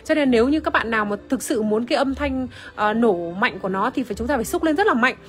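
A woman with a fairly high, lively voice speaks fast as she demos wine on a casual phone livestream, faint music audible behind her. Fillers abound, she greets viewers by name, and the mic is an iPhone's phone camera.

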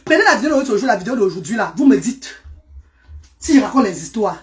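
A woman's voice: mid-range voice, sing-song, quick pace, faint music behind. A woman talking live to her viewers in a casual stream, exclamatory and greeting people by name.

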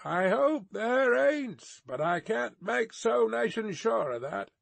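Storybook mail-coach guard, played by a male narrator: gruff, rustic, suspicious, pitched high and barking threats. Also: sing-song, slow, a bit bright, no room sound, exaggerated voice. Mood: grumbling, suspicious. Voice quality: gruff, growling. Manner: rustic old-fashioned speech, barking commands.

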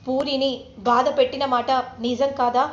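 A woman voicing an angry, stern middle-aged father who scolds loudly, in an echoey room. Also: high voice, flat delivery, moderate pace, a little hiss or hum, lightly acted. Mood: angry scolding. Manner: loud scolding, raised voice. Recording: roomy, slightly dull recording.

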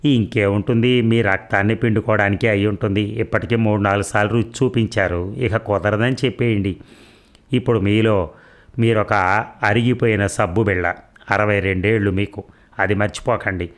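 A man voicing a sharp-tongued, anxious housewife in her sixties who scolds and mocks in a sarcastic way. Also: fairly low pitch, steady tone, moderate pace, lightly acted. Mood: scolding, worried.

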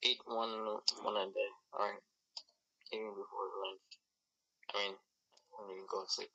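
A woman voicing a calm, low-voiced man who looks after a friend in a Minecraft role-play, speaking softly and hesitantly. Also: normal speed, highs cut off, heavy background noise.

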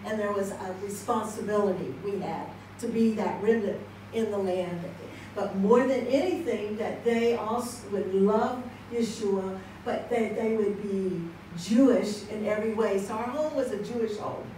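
With a medium-pitched, dark-toned voice and a somewhat slow pace, an American woman in her sixties recounts personal stories to a conference audience in a church hall. She's seated, holding a handheld mic, filmed from across the room, chatty and laughing often as she acts out quoted exchanges, all captured from afar in an echoey, noisy hall.

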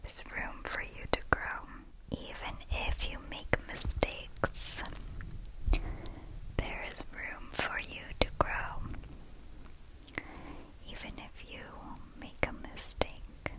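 Slow whispered pep talk from a woman. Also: poor audio. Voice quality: clicky, breathy unvoiced whisper. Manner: slow, repetitive, soothing encouragement. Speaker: ASMR host. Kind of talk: whispered pep talk, ASMR positive affirmations.

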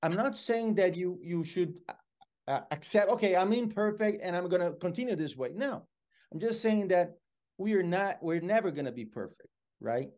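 Talking at normal speed, this interview guest is a middle-aged man from Brazil whose first language is Portuguese, and his voice is fairly high. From a home office over video call, he's an expressive, animated storyteller who gestures a great deal.

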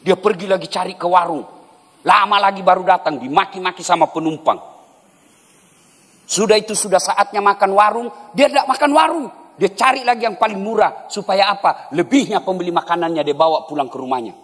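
A man giving a humorous mosque sermon as a preacher, animated and jokey, acting out little dialogues for the congregation. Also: high-pitched, a little fast. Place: large mosque. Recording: long hall reverb in a large mosque.

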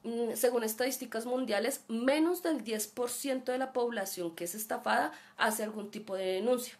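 A woman with a Colombian accent teaching an online class and telling a personal story, acting out the voices of the people in it. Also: on the high side. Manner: chatty, acts out voices in her story.

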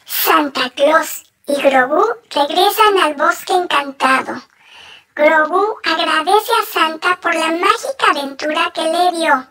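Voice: very high-pitched, sharp tone, far from the mic. A narrator reading scripted bedtime stories for young children. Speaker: children's story channel narrator. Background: music.

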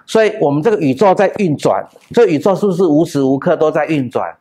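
A man giving a classroom lecture on classical texts, explaining step by step with drawn-out particles and sung example tones. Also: on the high side, lively intonation, dark tone. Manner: explains with pauses, drawn-out particles, chants and hums sounds.

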